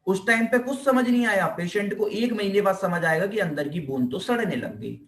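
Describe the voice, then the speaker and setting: Here the Indian-accented lecturer, high in pitch, talks through physiotherapy at a moderate pace. His informal teaching leans on repeated phrases, rhetorical questions and English technical vocabulary, while a faraway mic catches the room's echo.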